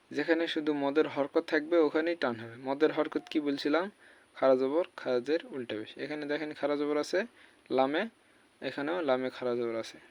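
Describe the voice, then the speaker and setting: A man's voice: on the high side, dry recording, dull audio. A man, teaching a spoken lesson and spelling out letters and vowel marks syllable by syllable. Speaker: Quran recitation teacher.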